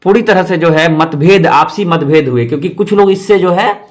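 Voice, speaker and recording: A man teaches history for exam preparation, his voice sitting a little high. He explains each point, then says it again in simpler words, and asks rhetorical questions along the way. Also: moderate pace. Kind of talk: exam-prep history lecture.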